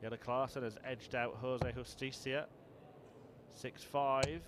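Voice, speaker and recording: A man giving measured, understated and informative sports commentary on a darts match. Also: medium pitch, steady tone, noisy background.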